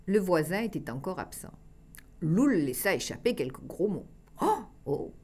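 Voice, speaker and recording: A woman reading a children's tale aloud, expressive and dropping to a hush for dramatic passages. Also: on the low side, normal speed. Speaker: storyteller.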